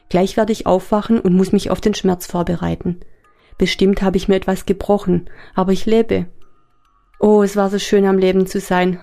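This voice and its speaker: A woman narrating a first-person story in a calm, introspective reading. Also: mid-range voice, creaky.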